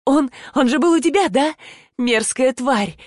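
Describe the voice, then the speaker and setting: A woman's voice: high voice, lively intonation, unhurried, no echo, clean studio sound, pitched above the performer's own voice. A woman reading an audiobook voices a furious, hysterical young female student who hisses and shrieks accusations. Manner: shrieking accusations, hissing, sobbing.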